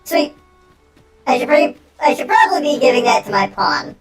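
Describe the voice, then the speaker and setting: A woman's voice: high voice, big pitch swings, fairly quick. A woman game streamer giving casual commentary as she plays and reads game text aloud. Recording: echoey room, faint game music behind.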